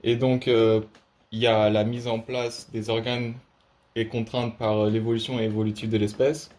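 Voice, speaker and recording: Young man, student presenter, flat intonation, halting, many hesitations, prepared explanation. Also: on the low side. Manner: halting, with very frequent drawn-out hesitations.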